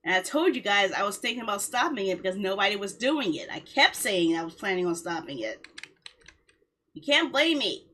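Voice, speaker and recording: Talking fairly quickly in a mid-range voice, a female game streamer rambles to her livestream audience. Her tone is casual, a bit whiny and self-justifying, and steady noise runs underneath.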